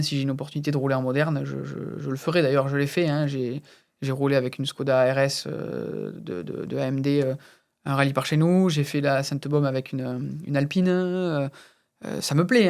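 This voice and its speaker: A man's voice: on the high side, clear, resonant tone. A man from France as a guest on an interview, talking casually and hesitantly, with many fillers and repeated words. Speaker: guest racing driver and instructor.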